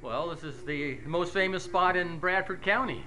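A man's voice: high-pitched, moderate pace, very noisy. A man filming a casual walkaround vlog on a handheld camera, talking with lots of fillers and restarts. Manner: hesitant, many fillers and restarts. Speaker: vlogger filming a local diner.

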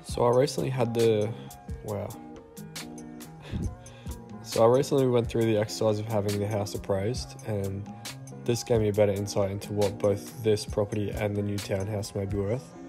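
A young Australian man giving a relaxed, self-deprecating voice-over walkthrough of his renovated house. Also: lowish voice, normal speed. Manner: laid-back, self-deprecating. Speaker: home renovation vlogger. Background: soft guitar music.

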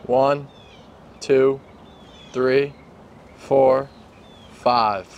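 A man's voice: medium pitch, fairly even intonation, drawn-out words, vocal fry, darkish tone, slight background noise. A man in casual banter with a friend while playing golf outdoors. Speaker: player in a golf challenge video.

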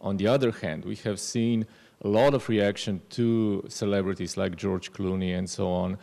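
A man in his thirties, a panelist with a journalism background, asking long, measured questions into a handheld mic at a panel discussion. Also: fairly low pitch, steady tone, gravelly, mellow. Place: lecture hall stage panel. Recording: long hall reverb.

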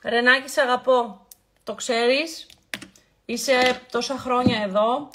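A woman's voice: on the high side, fairly even intonation, a bit bright, slight background noise. A woman hosting a casual live skincare stream. She talks in a chatty, affectionate way, greets viewers by name and playfully repeats words for emphasis. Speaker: beauty livestream host.

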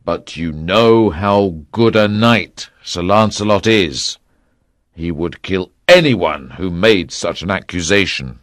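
Man acting a very deep, weary King Arthur. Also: takes it slowly, fairly bright tone, no echo, clean studio sound. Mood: warning. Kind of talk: dramatised storybook reading.

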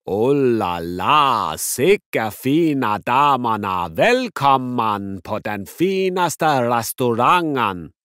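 A man voicing a playful dad pretending to be a fancy foreign chef waiter, speaking slow and grand in a storybook. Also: mid-range voice, sing-song, fairly bright tone, no echo, studio quality, voice pushed up. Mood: pompous. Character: fake Italian chef waiter, a goofing dad.

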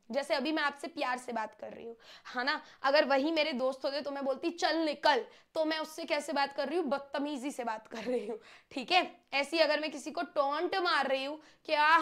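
A young woman with a high voice gives a casual online class. She talks in a chatty, coaxing way and keeps asking her students whether they follow. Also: fairly bright tone. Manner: chatty, coaxing, mixes Hindi with English. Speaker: teacher.

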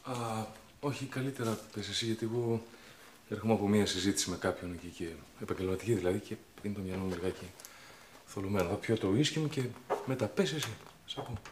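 A man's voice: lowish voice, roomy sound, background noise, natural voice. An actor playing a man who apologises for being late and stalls before a serious talk. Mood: evasive. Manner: evasive, apologetic. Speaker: actor in a TV comedy series. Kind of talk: sitcom acting.

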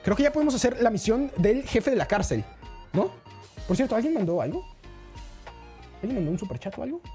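A woman, live-streaming a game, excitable and chatty, talking straight to her chat. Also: fairly high pitch, brisk, faint music behind.

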